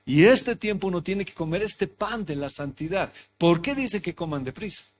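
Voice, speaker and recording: In a church hall, a pastor preaches an interactive sermon, continually questioning the congregation and echoing his own phrases. His voice sits high, with lively intonation and a moderate pace.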